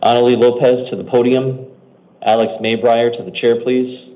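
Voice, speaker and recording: An American man speaking as a judge at a hearing, making procedural courtroom announcements in a brisk, matter-of-fact, routine way. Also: medium pitch, flat delivery. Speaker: judge or commissioner at initial appearance hearings. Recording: muffled phone-like courtroom audio.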